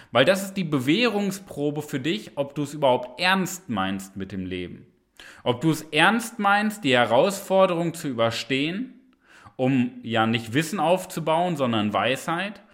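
A man's voice: on the high side, a bit bright. Emphatic young man hosting a motivational podcast. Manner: emphatic, addresses the listener directly. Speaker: podcast host. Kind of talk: motivational monologue.

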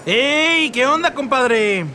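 Man playing chummy male ad customer, very high, drawn-out pace, cheerful, faint store ambience. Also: lively intonation, bright, forceful tone, a little hiss or hum, exaggerated voice.

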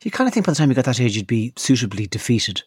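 Husky, wry Irish man. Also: medium pitch, big pitch swings, racing, dry recording, studio quality. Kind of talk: casual chat, asking questions.

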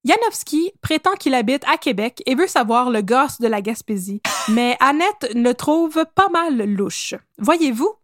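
A woman with a Québécois accent co-hosts a podcast, telling a history story in a playful, casual way while laughing and correcting herself. Her high-pitched voice swings widely in pitch, unhurried with few pauses, and the studio-quality audio has no room sound.

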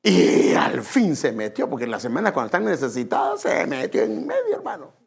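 A man's voice: fairly high pitch, huge pitch swings, brisk, creaky, slightly rough. A man preaching an evangelical sermon, emphatic and constantly addressing his listeners as brother.

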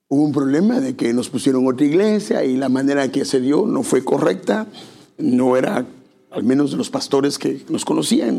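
A man's voice: high-pitched, vocal fry, warm tone, slightly rough. A male pastor preaching a conversational sermon in church, speaking directly to the congregation.

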